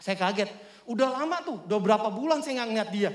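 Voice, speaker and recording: A man preaching, telling a lively, humorous story to his congregation. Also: high voice, quick pace. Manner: animated, humorous, addresses congregation often. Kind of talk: storytelling sermon. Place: church hall. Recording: echoey church hall.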